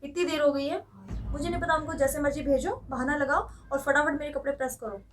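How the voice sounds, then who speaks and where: Brief: high-pitched, bossy young city bride, sharp and demanding, played by an actress. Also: female voice, fairly quick, recorded from a distance, lightly acted. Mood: angry. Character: rude young city daughter-in-law, bossy. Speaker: daughter-in-law. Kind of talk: comedy skit acting.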